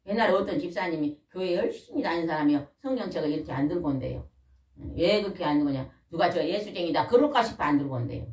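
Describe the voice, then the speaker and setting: An older woman preaching a folksy, animated sermon in a church, often asking the congregation questions. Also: fairly low pitch, quick pace. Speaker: pastor's wife preaching. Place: church hall. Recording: echoey room, mic at a distance.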